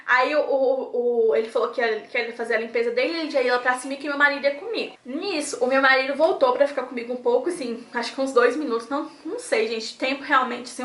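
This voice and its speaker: Chatty, bright-voiced young Brazilian woman. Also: sits high, reverberant. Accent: Brazilian Portuguese. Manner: chatty, many restarts, talks straight to viewers. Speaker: mother telling her birth story. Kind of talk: casual vlog storytelling.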